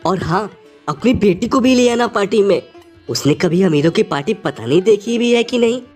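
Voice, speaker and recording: A woman voicing a harsh rich woman who employs a maid, scolding and contemptuous, for an animated story. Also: mid-range voice, normal speed, slightly rough, faint music behind. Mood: bossy.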